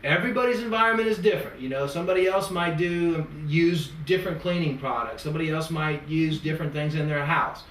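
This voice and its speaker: A man with a fairly bright voice on the high side talks fast, hardly pausing, over a little hiss or hum. As a natural health practitioner consulting with a client, he lectures about his approach through long lists and analogies, recorded in an echoey room from a distant mic.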